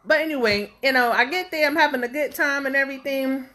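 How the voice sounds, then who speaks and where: A woman's voice: high voice, fast talker, sharp tone. A woman in her thirties talking casually to camera as a vlogger, rambling and outspoken, filling her talk with fillers. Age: 30s. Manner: blunt and outspoken.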